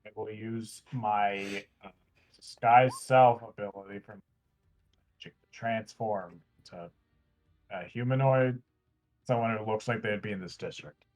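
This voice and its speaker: Playful low-voiced young man. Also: a little mellow. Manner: playful, joking, quick laughs. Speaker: player. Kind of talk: casual chat.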